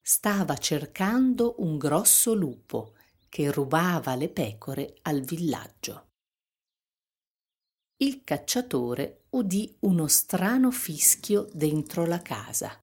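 A woman reading a fairy tale aloud as narrator, in a calm, measured storytelling manner. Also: low voice, slightly rough.

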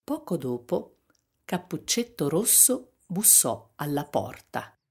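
A woman reading a fairy tale aloud as narrator, in a calm, measured storytelling manner. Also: deep voice, a little hiss or hum.

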